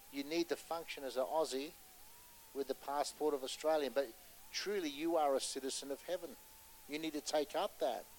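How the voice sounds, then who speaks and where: A man preaching a sermon with passion, pressing his points loudly and then dropping to a hushed voice to tell a story, and putting questions to his listeners. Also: on the high side, slight background noise, low-quality recording. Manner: impassioned, swinging between loud urgency and hushed storytelling; asks the audience rhetorical questions.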